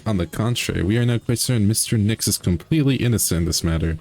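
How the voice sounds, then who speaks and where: A haughty, genteel widow from a mystery game, voiced by a man reading her lines. She speaks in a pompous, condescending way, in a very low, deep voice. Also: quick pace, darkish tone, faint music behind. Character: haughty older woman suspect, a widow.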